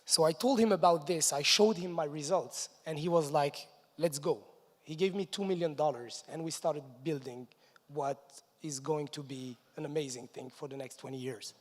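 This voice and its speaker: A man from Morocco, giving an energetic stage presentation at a conference and chuckling between points. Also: a little high, normal speed. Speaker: conference speaker. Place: large conference hall stage. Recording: long reverb of a large hall.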